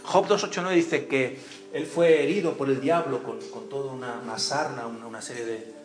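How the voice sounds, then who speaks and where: Male pastor, lively church sermon, plays out the characters, faint music underneath, mid-range voice. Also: mid-range voice, normal speed. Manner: animated storytelling, acts out voices and cries, asks the congregation questions.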